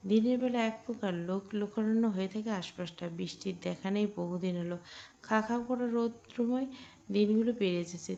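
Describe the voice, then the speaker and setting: A woman narrating a romantic audio story in a calm, even storytelling voice. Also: medium pitch, vocal fry. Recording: dull lo-fi recording.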